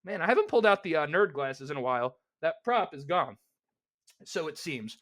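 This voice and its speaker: High-voiced New man, rambling podcast host. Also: very animated, moderate pace, fairly bright tone, dry recording. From New York. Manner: rambling, asks rhetorical questions, self-mocking asides. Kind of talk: casual solo sports podcast talk.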